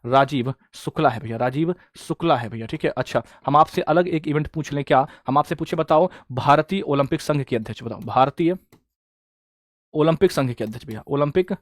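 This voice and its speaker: A man's voice: a little high, a little fast, no echo, clean studio sound. A man teaching a live online exam-prep class, quizzing students and repeating each answer.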